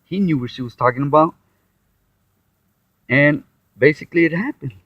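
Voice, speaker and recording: A man's voice: fairly high pitch, normal speed, dry recording. A tired man giving a casual, rambling talk on the Bible, sighing, restarting and acting out quotes as he goes. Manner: meandering, with sighs, restarts and acted-out quotes. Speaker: self-taught Bible commentator. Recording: dull, muffled lo-fi audio.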